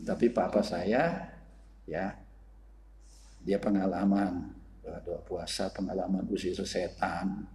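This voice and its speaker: A male pastor preaching a sermon, telling a story with quiet asides and fervent exclamations. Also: deep voice. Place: church hall. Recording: echoey church hall livestream.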